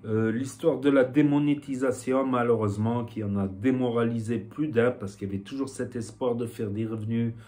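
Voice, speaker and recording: A man's voice: mid-range voice, moderate pace, hardly any pauses, mellow. A man with a southwestern French accent talking casually to the camera in a vlog, rambling with many fillers and a repeated "voilà". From southwest France. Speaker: YouTuber.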